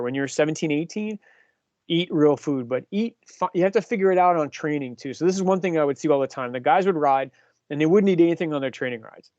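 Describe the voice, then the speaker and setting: A man's voice: on the high side, a little mellow, no room sound, muffled recording. A man in his fifties, a cycling coach chatting and explaining things to his team, often asking them questions. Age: 50s. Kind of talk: casual team talk.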